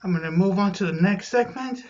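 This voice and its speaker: A man's voice: sits high, a little fast, a little mellow. A man co-hosting a casual school live stream, speaking hesitantly with many ums. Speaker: co-host. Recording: dull, muffled sound.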